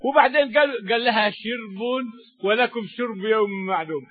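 An older Islamic scholar gives a sermon-style Quran commentary lesson, telling stories in everyday speech between recited verses and stammering into restarts. His voice is high and brisk, captured in a dull, lo-fi, dry recording with no echo.

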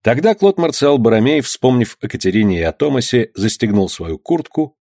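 A man narrating an adventure story as an audiobook, in a steady storytelling manner. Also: mid-range voice, moderate pace, no echo, studio quality.

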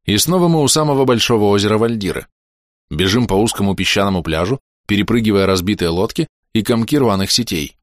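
Low-voiced male audiobook narrator. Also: lively intonation, fast talker, dry recording, studio quality. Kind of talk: first-person fantasy audiobook narration.

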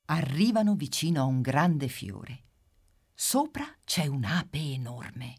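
A woman narrating a children's storybook, gentle and expressive. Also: slow. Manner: gentle, expressive, drops low for speech tags.

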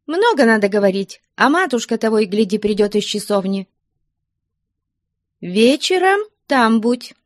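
A woman's voice: fairly high pitch, no room sound, studio quality, pitched above the performer's own voice. A woman reading a story, voicing a mischievous young woman who scolds and mocks her suitor. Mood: brisk. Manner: scolding, mocking, laughing. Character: young woman, mischievous, teasing, sharp-tongued. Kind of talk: audiobook character voice.

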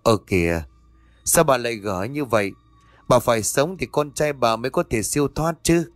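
A man voicing a tired older spirit medium who calms a grieving woman in a low, weary tone. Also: normal speed, dry recording, close to an everyday voice. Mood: soothing.

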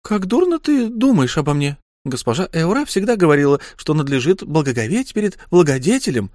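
Man voicing mocking young wife, sharp-tongued, teasing, defiant, dry studio sound. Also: fairly high pitch, very animated, fairly quick, no room sound, voice pushed up.

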